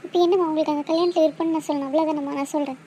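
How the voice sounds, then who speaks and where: A woman's voice: high-pitched, fairly even intonation, very fast, dark tone, slight background noise, natural voice. A young woman playing a daughter who pleads and defends herself to her family. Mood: defensive. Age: young adult. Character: young bride-to-be, torn and pleading.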